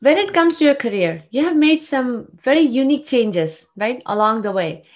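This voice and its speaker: A woman's voice: high-pitched, big pitch swings, normal speed, a little mellow, highs cut off. A woman hosting a podcast who reads a guest introduction and then asks interview questions in an upbeat, welcoming way. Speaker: podcast host.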